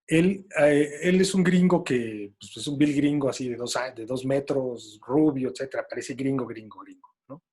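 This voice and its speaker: A man's voice: mid-range voice, normal speed, few pauses, a little mellow, slightly rough. A man with a Mexican accent moderates a panel talk in a loose, colloquial way and tells stories along the way. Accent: Mexican Spanish.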